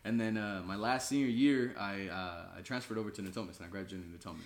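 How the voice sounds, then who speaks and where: Fast-talking laid-back man, low voice. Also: echoey room. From Mexico. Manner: laid-back slangy talk with many fillers. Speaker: musician guest. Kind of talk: casual conversation.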